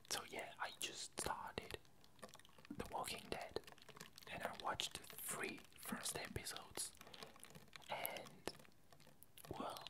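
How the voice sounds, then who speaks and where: A woman ASMR video creator whispers a casual update. Her phrasing is halting and softly hesitant.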